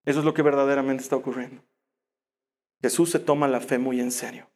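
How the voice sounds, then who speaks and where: A man preaching a sermon, retelling a Bible story in an animated, storytelling way with slow, emphatic phrasing. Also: medium pitch.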